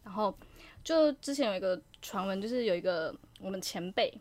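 A young woman, co-hosting a podcast in casual chat and telling a ghost story, sometimes dropping to a hushed voice. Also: medium pitch, fairly quick. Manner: lively storyteller, drops to a hushed voice for spooky parts. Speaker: podcast co-host.

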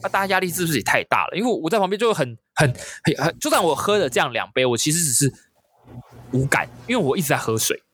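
A man's voice: on the high side, very animated, quick pace, a bit bright, slightly rough. A man telling a story in casual chat, acting out quotes in a raised voice. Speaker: storyteller recounting hosting a company party.

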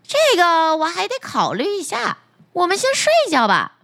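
Woman putting on a shrill greedy wife. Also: huge pitch swings, moderate pace, gravelly, fairly bright tone, heavily acted. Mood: dismissive. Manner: demanding, imperious. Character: greedy shrill fisherman's wife who wants to rule all.

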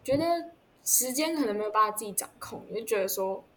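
A young woman, chatting casually and asking questions, with lots of fillers and trailing pauses. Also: mid-range voice, lively intonation, a bit bright, slight background noise. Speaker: interviewer. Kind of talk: casual chat.

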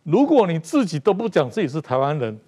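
A man's voice: a little high, big pitch swings, fairly quick, dark tone. A middle-aged man from Taiwan with a Taiwanese Mandarin accent, a talk show guest making emphatic political commentary and repeating phrases for stress. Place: TV studio.

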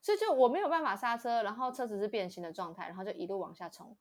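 Racing through an anecdote, a young female podcast co-host chats casually, laughing a lot and performing the voices of the characters. Her medium-pitched voice is animated.

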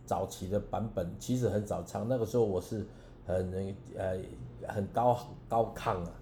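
A man tells his story as a preaching guest on a radio show. His voice is low and very dark and mellow, carried by a roomy echo. He talks in an earnest, halting way, often restarting his phrases. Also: steady tone, slight background noise. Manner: halting and earnest, many restarts, emphatic rises. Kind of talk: personal testimony in a radio interview.

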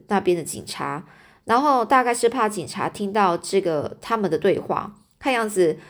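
A woman telling a story aloud in a chatty, halting way, stopping to explain words. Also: medium pitch.

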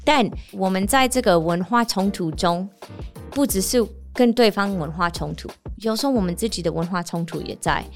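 A woman from the United States, a native English speaker, hosting a casual podcast monologue, telling stories in an animated way and laughing often. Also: mid-range voice, normal speed, soft background music. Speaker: podcast host; teacher and performer.

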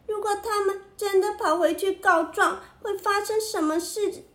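A woman voicing a frightened young princess in a children's story, high and fretful. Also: fairly even intonation, moderate pace, a bit bright, echoey room.

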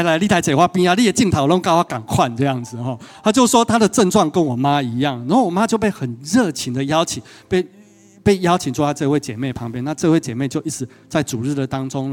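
A male pastor giving a sermon, telling a personal story and often asking the congregation questions. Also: fairly high pitch.

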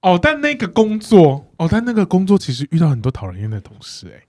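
A man, co-hosting a casual chat and telling a story in an animated way, laughing often. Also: high-pitched, fast talker. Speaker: podcast co-host.

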